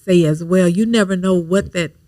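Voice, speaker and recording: A woman co-hosting a talk show, chatting with affirming remarks and lively exclamations. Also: fairly low pitch, moderate pace, no room sound, clean studio sound. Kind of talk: casual talk show conversation.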